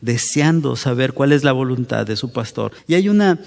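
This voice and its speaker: A man's voice: mid-range voice, expressive, gravelly, darkish tone. Man preaching in a reverberant church. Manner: preaches conversationally, acting out churchgoers' excuses in quick asides. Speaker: pastor. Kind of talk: sermon.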